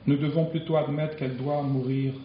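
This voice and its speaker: A man preaching a sermon in slow, deliberate phrases with long pauses. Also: mid-range voice, little pitch movement, roomy sound, lo-fi sound, slight background noise.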